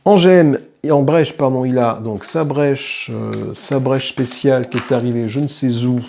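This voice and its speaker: A man's voice: mid-range voice, measured pace, creaky, dark tone. A man hosting a tabletop game channel, casually explaining a solo playthrough and thinking aloud with small self-corrections. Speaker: board game channel host.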